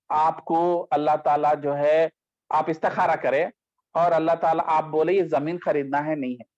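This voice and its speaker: A man with a high voice teaches scripture, pressing his points with rhetorical questions and jumping between high and low. The sound is dull and lo-fi, with a dry, close quality and no room echo. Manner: emphatic, rhetorical questions, quick shifts in pitch. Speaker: Islamic teacher. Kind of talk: religious lecture on scripture.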